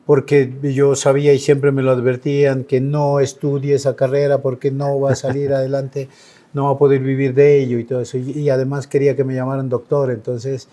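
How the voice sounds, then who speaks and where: A man's voice: medium pitch, little pitch movement, brisk, mellow. A man in his sixties from Colombia, a painter giving an interview, speaking reflectively with frequent hesitations. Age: 60s. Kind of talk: relaxed conversational interview.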